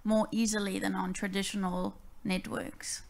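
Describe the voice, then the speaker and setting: A woman's voice: medium pitch, little pitch movement, normal speed, vocal fry, a little mellow. A woman in the audience asking the panel a polite, slightly hesitant question.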